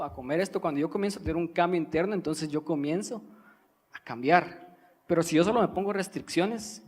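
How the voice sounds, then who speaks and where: A young man from Guatemala, preaching a sermon in an earnest teaching manner, pausing to stress key words. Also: on the high side. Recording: reverberant church hall.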